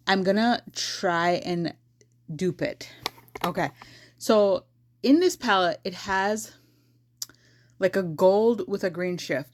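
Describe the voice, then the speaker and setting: A woman's voice: fairly low pitch, a little hiss or hum. Chatty woman rambling to camera. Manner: chatty, thinks aloud, corrects herself mid-sentence. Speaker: beauty vlogger. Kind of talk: casual rambling chat to camera.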